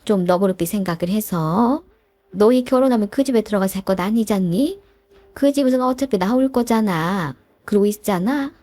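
A woman's voice: mid-range voice, moderate pace, warm tone, no room sound, natural voice. A woman voicing a pushy, self-pitying older mother-in-law in a storybook drama, wheedling and guilt-tripping. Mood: pleading, pushy.

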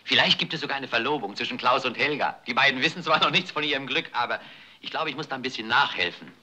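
An actor playing a fatherly doctor in a 1950s film, gently persuasive and protective. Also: medium pitch, fast. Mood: jovial. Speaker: doctor, older family friend. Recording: old film soundtrack with hiss.

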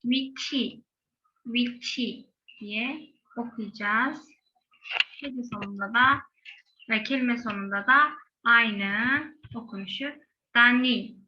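A woman teaching Korean pronunciation, saying each sound slowly and repeating it. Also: a little high, lo-fi sound.

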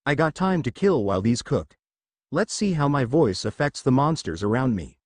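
A man's voice: medium pitch, very animated, moderate pace, no room sound. A man voicing a cocky young male demon fighter, with a smug, teasing drawl. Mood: casual.

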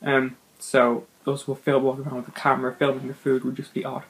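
During an eating show, a young vlogger talks casually between bites, cursing here and there in a monotone, medium-pitched voice at a slightly quick pace. The recording is rough, with faint sounds of a party in the background.

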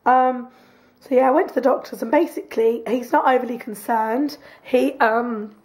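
A woman with a hoarse, croaky voice from a cough, chatting casually in a rambling home video diary and laughing often. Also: fairly high pitch, steady tone, moderate pace, a little mellow. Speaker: vlogger. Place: home, sofa in front room.

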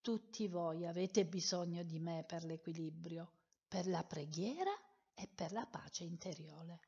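Woman doing a hushed, quiet male color. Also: fairly low pitch, measured pace, slightly rough, pitched below the performer's own voice. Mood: calm. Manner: hushed, soft, half-whispered. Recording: dull lo-fi sound.

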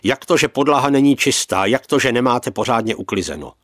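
A man's voice: lowish voice, very animated, no room sound, clean studio sound, exaggerated voice. A man reading the lines of an angry male prison commander in an audiobook, bossy and raised. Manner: shouting, bossy.

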